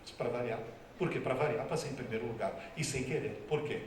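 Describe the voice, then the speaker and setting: A man giving a lively storytelling lecture at a school, acting out dialogue with different voices. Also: medium pitch, fast talker, a little hiss or hum. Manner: animated, acts out dialogue with voices. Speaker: teacher giving a talk. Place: school hall. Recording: very echoey hall, speaker far from mic.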